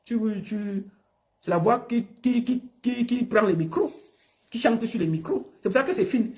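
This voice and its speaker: A woman's voice: a little high, animated, normal speed, a little mellow. A woman ranting on a livestream, mocking and scolding someone with lots of repetition. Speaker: online personality. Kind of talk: livestream rant.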